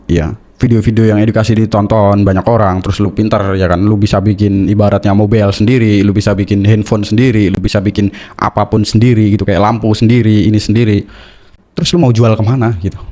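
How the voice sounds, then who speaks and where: Male finance YouTuber from Indonesia, mellow low voice, rapid, blunt, scolding delivery. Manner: blunt, scolding, slangy, tags lines with "gitu". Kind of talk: blunt casual monologue.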